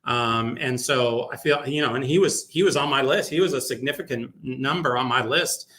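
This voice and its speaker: A man with a mid-range, sharp-toned voice talks fairly quickly. He's a sports public address announcer appearing as a guest on a sports radio interview, chatting casually and telling stories with emphatic repetition.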